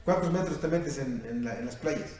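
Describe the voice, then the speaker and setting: Heard from a distance in a reverberant room with slight noise, a fiftyish Mexican-accented priest delivers a youth retreat sermon, posing questions and calling listeners "mijo." His pitch is fairly high, the pace moderate, the tone a little mellow.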